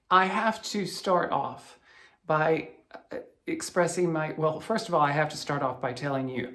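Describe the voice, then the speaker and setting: A man's voice: a little high, gravelly. A man from Alabama hosting a cross-stitch video channel, talking in a chatty, rambling, self-deprecating way. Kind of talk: casual chatty vlog.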